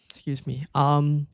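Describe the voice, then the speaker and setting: A man's voice: fairly high pitch, gravelly, no room sound. A man from Singapore, casually talking through his picks and answering chat questions on a live stream, thinking aloud with fillers and restarts. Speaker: fantasy football streamer.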